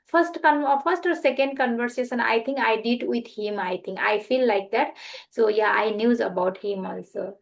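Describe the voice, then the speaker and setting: Nepali woman chatting on a video call, kinda high voice, says you know a lot. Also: moderate pace, vocal fry, a little hiss or hum. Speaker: conversation partner. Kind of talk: conversation practice call.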